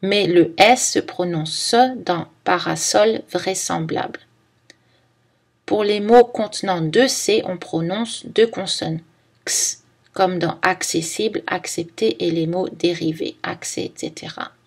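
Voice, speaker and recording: A woman teaching French pronunciation in a scripted lesson, reading word lists one by one in a careful, measured way. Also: on the low side.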